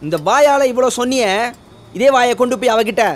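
An actor playing a cocky young friend who brags about gang contacts and stammers when nervous. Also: male voice, extremely high pitch, fairly quick. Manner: cocky bragging, then stammering. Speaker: hero's friend. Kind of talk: film comedy acting. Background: film music.

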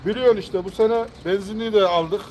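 A man's voice: high voice, fairly even intonation, a little fast, background noise. A man chatting casually and emphatically, often repeating his phrases. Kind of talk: casual chat.

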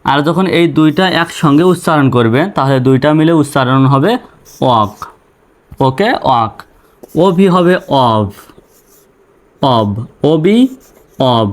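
His voice on the high side and expressive, a Bangladeshi-accented man leads a phonics lesson in English. He patiently drills slowly through letters spelled aloud before pronouncing each word.

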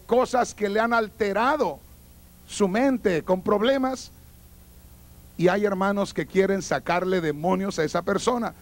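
A man, a pastor, giving an earnest teaching sermon and addressing the congregation directly. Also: sits high. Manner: acts out quoted voices in his teaching.

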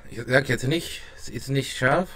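A young man talking casually to camera at a close mic, halting, his mouth burning and watering from spicy food. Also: medium pitch, fairly bright tone. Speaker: vlogger doing a hot chili taste test. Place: small dim room at home. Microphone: close desk microphone with pop filter.

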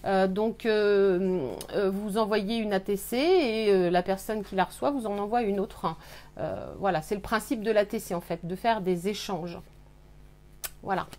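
A woman hosting a live scrapbooking workshop, explaining techniques with many pauses and fillers. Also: mid-range voice, darkish tone. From France. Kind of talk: live craft demonstration. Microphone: webcam on a live stream.

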